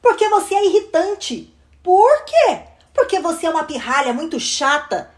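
A woman's voice: high-pitched, big pitch swings, normal speed, voice pushed up. A woman voicing an irritated, bossy teenage older sister in a storybook reading, snappy and dismissive. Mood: annoyed.

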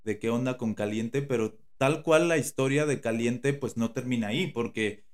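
With a Mexican Spanish accent, a male podcast co-host chats casually in a mid-range voice at normal speed. His talk is slangy and rambling, full of fillers and restarts.

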